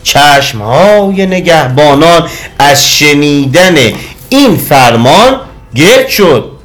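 Lively male storybook narrator. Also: fairly high pitch. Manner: lively, expressive reading. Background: soft music.

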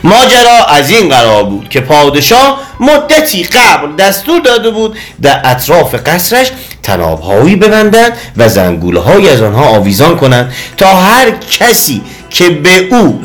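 A man narrating a children's story with a lively, expressive reading. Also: a little high. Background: soft music.

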